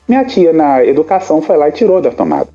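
A man on a podcast telling a family story in casual chat, animated and full of halting restarts. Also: on the high side, dull audio, faint music behind. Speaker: podcast co-host.

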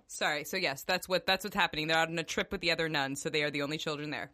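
A woman's voice: low voice, steady tone, rapid-fire, bright, forceful tone. A woman chatting casually on a podcast panel, emphatic and swearing heavily. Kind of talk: casual chat.

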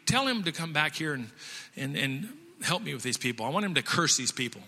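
A man's voice: on the high side, sing-song, a little fast, vocal fry, sharp tone, husky, heavily acted. A man playing a nervous, bossy king who talks in casual, exasperated slang, in a long-reverb hall.

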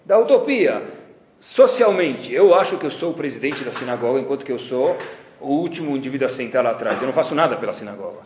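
A rabbi with a medium-pitched voice teaches a class at a quick pace, with a faint hiss or hum and a roomy echo. His lecture is animated storytelling full of anecdotes, and he acts out the dialogues himself.

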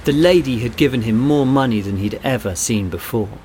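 A man reading a children's adventure story aloud in a measured storytelling delivery. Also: medium pitch, darkish tone, a little hiss or hum. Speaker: narrator. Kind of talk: scripted narration.

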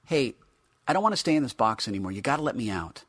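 A man's voice: medium pitch, sing-song, fast talker, a bit bright, pitched above the performer's own voice. A man voicing a cranky, smug teenage boy action figure who whines and swears. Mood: pleading. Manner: whiny, bratty, profane.

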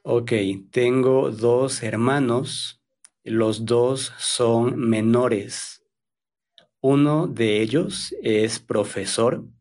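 A man in his thirties from Ecuador answering interview questions as a Spanish teacher. He talks slowly and carefully for learners, in a soft-spoken, unhurried way with small fillers, at a middle pitch. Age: 30s. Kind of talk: slow, careful conversation for learners.

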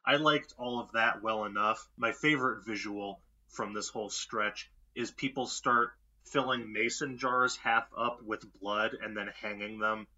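A man co-hosting a horror film podcast in casual chat, wry and quick to laugh. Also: lowish voice, steady tone, sharp tone, lo-fi sound. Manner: wry, laughs often, puts on mock voices. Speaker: podcast co-host.

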